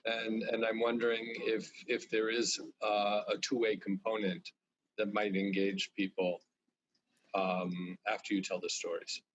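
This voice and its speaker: A man with a lowish voice asks his question very slowly on a video call, measured and thinking aloud. A faint hiss sits behind him. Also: level tone, rough recording. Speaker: workshop participant.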